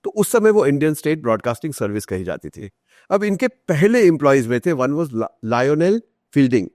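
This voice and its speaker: An Indian-accented author being interviewed on a podcast talks briskly in a rather high, sing-song voice with a darkish tone. The recording is dry and studio quality. He narrates conversationally and explains, performing quoted remarks and moving between Hindi and English.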